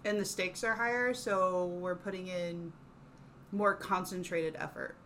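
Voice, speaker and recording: A woman's voice: lowish voice, fairly even intonation, unhurried, fairly bright tone. Inquisitive woman co-host, faint hum. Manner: questioning, prompts the others. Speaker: podcast co-host. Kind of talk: casual chat.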